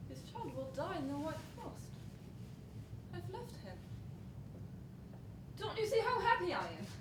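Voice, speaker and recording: A woman's voice: very high voice, huge pitch swings, measured pace, exaggerated voice. A woman acting a flighty young bride in a rambling, mocking monologue on a stage recorded from afar in an echoey room. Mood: giddy. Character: flighty young bride fleeing her count. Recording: echoey noisy stage from far off.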